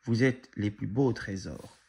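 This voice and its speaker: A man's voice: on the low side, measured pace, vocal fry, a little mellow, breathy edge, exaggerated voice. A man reading a children's book aloud, voicing a cheerful, clever little girl. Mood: tender. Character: young girl cousin, bright and cheerful.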